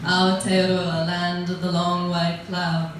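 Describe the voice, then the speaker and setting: A middle-aged American woman does stand-up comedy, chatty and wry, laughing at her own jokes. Her voice is lowish with a level tone and a slow pace. She sounds distant in an echoey room, with a little hiss or hum.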